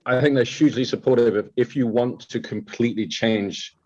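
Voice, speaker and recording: A man's voice: medium pitch, brisk, a little mellow. A man speaking casually as a guest answering questions in an interview. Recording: slightly dull, lo-fi sound.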